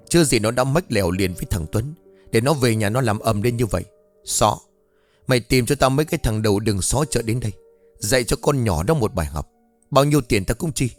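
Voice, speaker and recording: A man's voice: medium pitch, natural voice. A male storyteller voicing a domineering, scheming rich older mother who shrieks and scolds.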